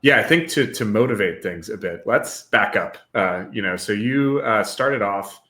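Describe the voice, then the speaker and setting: A young man hosts a technical podcast with an upbeat, loose delivery full of fillers. His voice sits low but has a bright, forward edge. The room gives it an echoey ring. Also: animated, normal speed. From Wisconsin, US. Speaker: podcast host. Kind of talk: casual technical podcast hosting.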